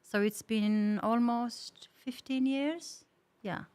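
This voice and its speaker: A woman's voice: on the high side, steady tone, slow, a little mellow, clear, resonant tone. A woman from Romania with a Romanian accent, co-hosting a casual podcast and chatting agreeably, often laughing. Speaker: podcast co-host.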